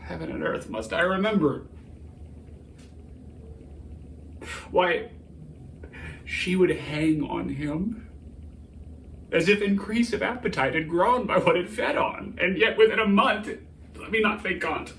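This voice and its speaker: A man performs a theatrical Shakespearean soliloquy as a grieving, embittered prince, halting and declamatory, shifting from hushed brooding to anguished outcry. His voice sits high and carries anguished indignation. The mic is roomy and distant, with faint noise.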